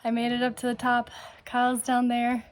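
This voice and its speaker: A woman's voice: on the high side, monotone, normal speed. A woman making cheerful, brief upbeat remarks while hiking outdoors, a little away from the camera mic. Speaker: travel vlogger's companion. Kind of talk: casual hiking vlog chat. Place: outdoors on a rocky hiking trail.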